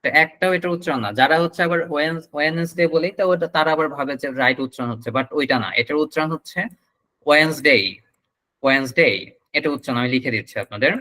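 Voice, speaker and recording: A man with a Bangladeshi Bengali accent leads an online English class. His voice sits a little high and sounds bright. He explains patiently and draws out the words he demonstrates. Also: fairly even intonation, poor audio. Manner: explanatory, drawn-out word demonstrations. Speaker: English teacher.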